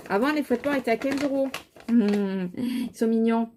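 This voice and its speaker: A woman's voice: a little high, moderate pace, background noise. A woman with a regional French accent, chatting casually to camera about her shopping haul and makeup, rambling with many fillers and sounding tired.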